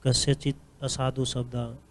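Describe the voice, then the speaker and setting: A man's voice: medium pitch, little pitch movement, a little slow, background noise. A male student in a class, politely asking about a line from a commentary he is reading.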